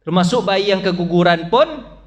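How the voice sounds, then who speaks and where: High-voiced indonesian preacher guy, keeps asking the crowd stuff, jumps from loud to real quiet. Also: normal speed. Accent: Indonesian with Malay-style colloquialisms. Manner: asks the congregation frequent questions, addressing them as "Pak"; lively, swings between loud high peaks and low quiet asides. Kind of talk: mosque dawn study sermon. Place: mosque hall.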